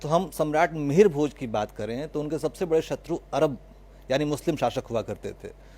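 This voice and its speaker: A man's voice: on the high side, lively intonation, moderate pace, mellow. A man giving a fluent, rhetorical speech about history, building emphasis as he goes.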